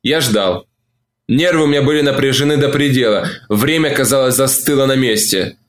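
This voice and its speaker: A man reading a novel aloud as an audiobook, narrating in the first person at a measured, calm pace. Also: mid-range voice.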